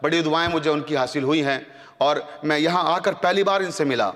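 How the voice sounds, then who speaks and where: A man, a cleric delivering an impassioned mourning sermon that rises into shouted, wailing recitation, before a congregation in a large hall. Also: on the high side. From India. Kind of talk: majlis sermon with lament recitation. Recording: echoey hall recording with congregation.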